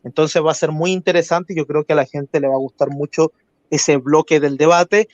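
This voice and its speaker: A Chilean man moderating an online debate, courteous and measured, often pausing with fillers. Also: on the high side, steady tone, dry recording, dull audio. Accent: Chilean Spanish. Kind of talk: live-stream debate moderation.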